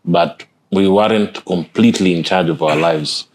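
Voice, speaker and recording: A man's voice: low-pitched, moderate pace. A man with a Kenyan accent telling stories casually, switching between English and Swahili. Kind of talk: casual conversational storytelling. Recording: light background noise.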